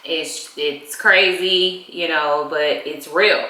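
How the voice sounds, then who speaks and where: A woman talks in a casual chat vlog, her voice bright and forward. She chats loosely, dropping frequent ums. The room around her echoes noticeably. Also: low-pitched, steady tone, slow pace. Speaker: co-host of a married-couple channel. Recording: roomy echo.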